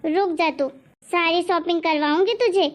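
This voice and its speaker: A woman's voice: extremely high pitch, fairly even intonation, moderate pace. A woman playing a bossy scolding mother-in-law. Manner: scolding, indignant. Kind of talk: family drama acting.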